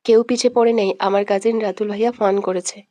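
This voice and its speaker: A woman's voice: medium pitch, fairly even intonation, fairly quick, dark tone, no echo, natural voice. A woman voicing a timid, defiant young woman. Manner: meek murmuring, flaring into protest.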